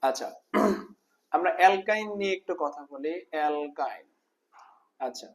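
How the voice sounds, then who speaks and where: Male tutor, higher-pitched voice, informal lesson, repeats terms and checks understanding. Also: brisk. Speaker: chemistry tutor. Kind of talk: informal exam-prep lesson.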